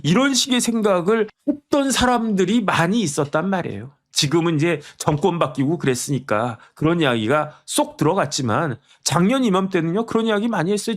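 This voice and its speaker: A man's voice: high voice, animated, a little fast, few pauses. A middle-aged man from Chungcheong, a lawyer giving casual commentary as he tells a history story, acting out the quoted voices.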